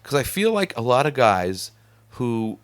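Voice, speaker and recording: A man hosting a casual studio conversation, talkative and animated, laughing often. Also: mid-range voice, measured pace, clean tone. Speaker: podcast host. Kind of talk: casual chat.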